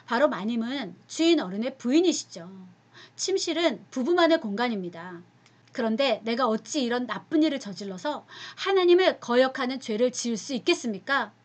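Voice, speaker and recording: A woman voicing an upright young male servant who speaks firmly and earnestly. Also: on the high side. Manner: firm, earnest pleading.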